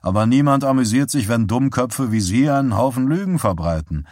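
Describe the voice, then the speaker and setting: A man doing a calm, cruel thug. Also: medium pitch, fairly quick, dry recording, studio quality, lightly acted. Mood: menacing. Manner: quiet, sneering threats.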